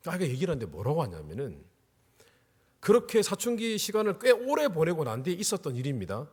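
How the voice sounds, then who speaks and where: A man's voice: on the high side, huge pitch swings, fast talker, darkish tone, breathy edge. A middle-aged male pastor preaching a revival sermon, telling a personal story with emotion that rises to pleading cries. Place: church sanctuary. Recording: echoey church hall.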